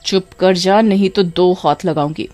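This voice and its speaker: A woman's voice: mid-range voice, lively intonation, brisk, natural voice. A woman voicing a cruel, whiny young woman who shrieks and wails in a storybook tale. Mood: scolding. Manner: yelling, wailing.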